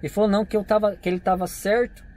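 A man with a Brazilian Portuguese accent, a vlogger retelling a run-in to his camera in a casual, animated way, acting out both sides of the dialogue. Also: sits high, very fast. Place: parked outside a convenience store.

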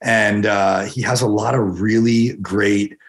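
A man's voice: lowish voice, fairly even intonation, slow pace. A young man co-hosting a podcast, opening the show and talking enthusiastically, often repeating words as he goes, on a headset. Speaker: podcast co-host. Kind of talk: podcast intro and interview.

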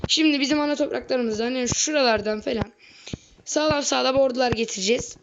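A woman doing let's play commentary on a strategy game, excitable and slangy, often yelling at the game. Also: sits high, fast. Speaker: gaming video creator. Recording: lo-fi with faint noise.

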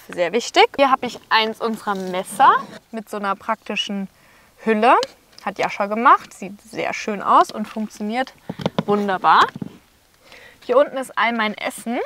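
A woman's voice: medium pitch, fairly bright tone, a little hiss or hum. A young woman in her twenties chatting upbeat to a handheld camera, outdoors and inside a small car, thinking aloud as she talks. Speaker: travel vlogger. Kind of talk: casual vlog talk to camera.

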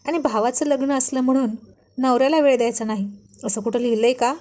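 A woman's voice: high voice, brisk, dark tone, natural voice. A woman doing a teasing, stubborn young husband. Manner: laid-back and teasing, mixes in English words.

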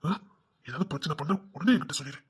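A man playing a caring, protective young man who speaks gently and reassuringly. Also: on the high side, fast, breathy edge.

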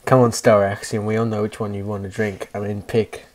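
A man's voice: on the low side, little pitch movement, fairly quick. A man hosting an online card game with friends, reading the cards aloud and teasing the others with frequent laughs. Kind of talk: casual online game chat.

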